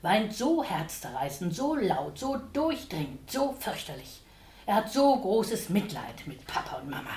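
Woman storyteller, lively children's book reading, mid voice, echoey room. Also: medium pitch, measured pace, a little hiss or hum. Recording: roomy echo.

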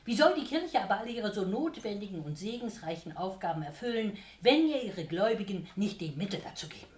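A woman's voice: sing-song, a little fast, echoey room, natural voice. A woman voicing a scheming, fawning male Devil who talks like a wheedling salesman, in a read-aloud story. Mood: eager pitch. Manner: wheedling, theatrical, swings between whining and eager pitching.

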